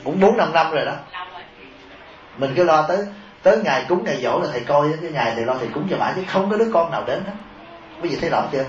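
A Buddhist monk delivers a humorous sermon in a fairly high, animated voice at a quick pace, chuckling often and tossing rhetorical questions at his listeners. The taped recording sounds echoey and dull.

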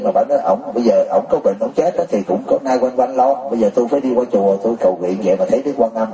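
Mellow-voiced monk preaching. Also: male voice, mid-range voice, slight background noise. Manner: keeps pressing the crowd with rhetorical questions, often laughing. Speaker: Buddhist teacher. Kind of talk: sermon to a congregation. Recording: roomy, distant mic.

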